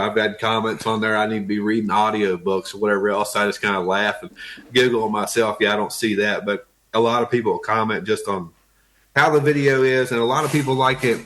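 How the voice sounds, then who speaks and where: A man's voice: lowish voice, fairly bright tone. A man with an Appalachian accent chatting casually as an interview guest, in a folksy, plainspoken way. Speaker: interview guest, wood flooring tradesman.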